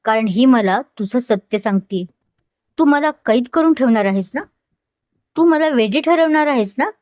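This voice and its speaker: A woman's voice: on the high side, normal speed, a little mellow, no room sound, clean studio sound, close to an everyday voice. A woman voicing a hurt, defiant young woman who speaks emotionally and pleadingly.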